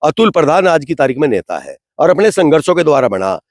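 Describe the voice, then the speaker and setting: A man's voice: fairly high pitch, very animated, fast talker, no room sound, clean studio sound. A man, giving an impassioned, indignant street interview full of rhetorical questions. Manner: rhetorical, indignant, repeats "bhai". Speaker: interviewee from the community.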